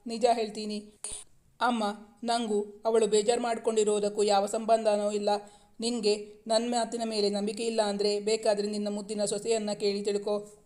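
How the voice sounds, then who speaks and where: A woman reading the lines of a young husband in an audiobook novel, softly and evenly. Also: mid-range voice, level tone, normal speed, natural voice. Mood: annoyed. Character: young husband, teasing and tender.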